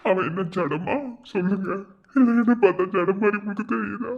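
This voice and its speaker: A man voicing a proud but heartbroken young man in a cartoon drama, pleading in slow, broken, sobbing phrases. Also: fairly high pitch, narrow, tinny audio, a little hiss or hum, natural voice. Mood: anguished.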